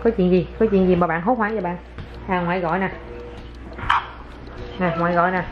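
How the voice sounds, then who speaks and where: A woman's voice: on the low side, steady tone, fairly quick, lo-fi sound, music in the background. A woman, a mother filming her toddler in a casual home vlog, chatty and exclaiming as she coaxes the child.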